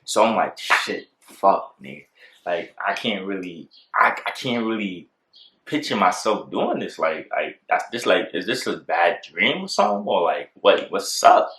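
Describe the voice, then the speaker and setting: A man's voice: low-pitched, animated, normal speed, a bit bright. A young man telling a rambling storytime in casual slang, full of "like" and "bro". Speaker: vlogger. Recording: echoey room.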